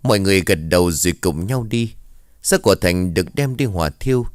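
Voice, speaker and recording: A man narrating a somber village ghost story in a steady storytelling manner. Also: deep voice, a little fast, no room sound, clean studio sound.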